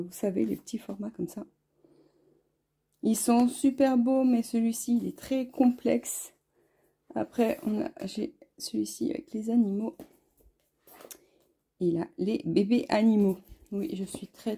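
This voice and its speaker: A woman talks casually to her viewers from home, pausing often with filler sounds. Her voice is very dark and mellow, with a gravelly fry and a husky edge. She sounds friendly and unhurried as she shows off her craft things. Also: fairly high pitch. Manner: hesitant, many filler sounds; friendly, speaks straight to viewers. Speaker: craft vlogger. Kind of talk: casual chatty show-and-tell vlog.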